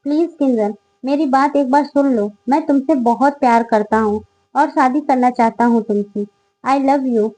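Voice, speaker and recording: A woman's voice: sits high, moderate pace, mellow, faint music behind, low-quality recording. A woman voicing an angry, threatening young male college student in a read-aloud story. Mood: pleading. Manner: pleading then threatening.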